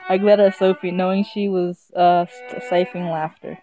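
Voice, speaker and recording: Reading a visual novel aloud on stream, a woman giggles with amusement, casually tripping over the text as game music plays in the background. She has a lowish, warm voice with a level tone and moderate pace, and the recording sounds slightly dull.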